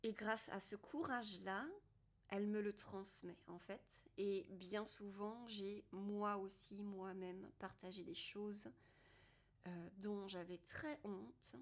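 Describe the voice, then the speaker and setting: A woman from France vlogging to camera in a candid, rambling way, thinking aloud and swearing casually. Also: mid-range voice. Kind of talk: casual confessional talk to camera.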